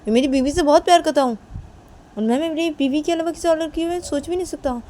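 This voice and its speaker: A woman's voice: fairly high pitch, normal speed, dark tone, a little hiss or hum, close to an everyday voice. A woman voicing a smug married young woman who taunts the other and keeps asking "haan?". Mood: teasing. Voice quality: taunting, ends lines with "haan?".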